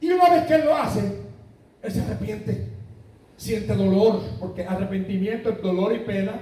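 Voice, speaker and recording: A man with a Puerto Rican accent preaches a sermon in a church sanctuary, putting questions to the congregation and telling anecdotes. His voice is high and dark-toned, and he speaks at a normal speed. The recording is echoey, captured from far off in the church.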